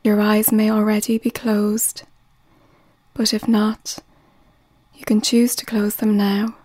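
A woman reading a guided relaxation script in a slow, soothing voice that often drops to a whisper. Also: medium pitch, completely flat delivery, warm tone, dry recording.

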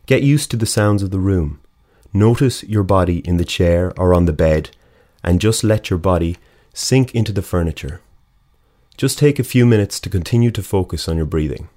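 Man, very deep voice, guided breathing instructor, calm, slow counting.

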